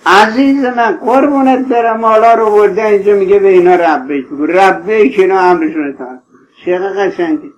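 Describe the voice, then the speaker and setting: A man's voice: high-pitched, dull audio. A man preaching a sermon, impassioned and pleading, tenderly addressing his listeners.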